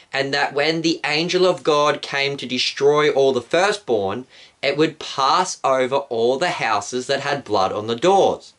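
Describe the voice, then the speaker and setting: A male pastor calmly telling a Bible story for children and explaining it step by step. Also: mid-range voice. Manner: calm, explanatory, acts out shouts.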